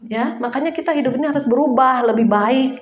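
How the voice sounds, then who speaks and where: A woman preaching an informal sermon to a small house church, chatty and lively, laughing now and then and acting out little quotes. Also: high voice, quick pace, reverberant.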